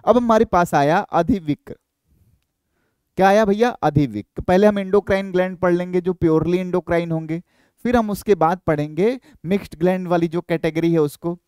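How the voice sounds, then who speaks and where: A man's voice: sits high, a little mellow, clear, resonant tone, no echo, clean studio sound. A young man giving an exam-prep biology lecture, asking rhetorical questions and answering them himself. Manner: explains with rhetorical questions and quick self-answers. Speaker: biology teacher.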